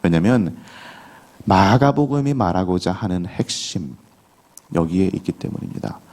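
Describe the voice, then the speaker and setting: In a church sanctuary, a middle-aged male pastor preaches a conversational early-morning sermon, acting out the voices of the biblical figures in his story. His voice is low, animated and darkish, at normal speed.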